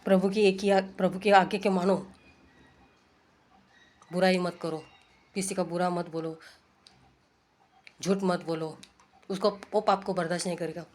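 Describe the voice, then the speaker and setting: A woman's voice: on the low side, steady tone, measured pace, long pauses, darkish tone. A woman delivers an informal sermon in an earnest, exhorting way. She repeats her points and keeps checking in with her listeners through rhetorical questions, as in a casual home talk. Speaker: preacher.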